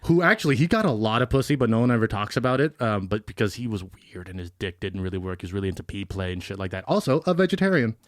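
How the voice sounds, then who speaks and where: A man's voice: fairly low pitch, big pitch swings, quick pace, few pauses, dry recording, clean studio sound. A man chatting loosely on a comedy podcast, rambling through jokes and slipping into silly voices. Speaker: podcast guest. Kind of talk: casual comedic chat.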